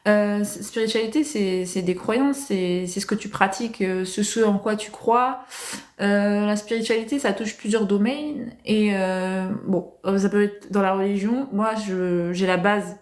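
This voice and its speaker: A woman hosting a casual livestream, answering viewers' comments calmly and hesitating with many fillers. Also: mid-range voice, unhurried. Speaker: livestream host.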